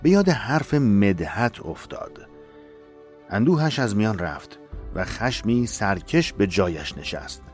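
A man reading a dramatic novel aloud in a measured, emotive storytelling voice. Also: on the low side, big pitch swings, soft background music. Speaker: narrator. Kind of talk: dramatic audiobook narration.

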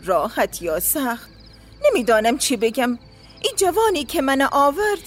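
A woman's voice: high-pitched, very animated, pitched above the performer's own voice. A woman voicing an anxious mother searching for her missing daughter, speaking hesitantly and pleadingly in a storybook reading.

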